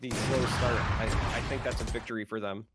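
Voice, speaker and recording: A man's voice: medium pitch, steady tone, brisk, very noisy. A man with an American Midwest accent giving play-by-play commentary as an esports caster, lifting his voice on big plays.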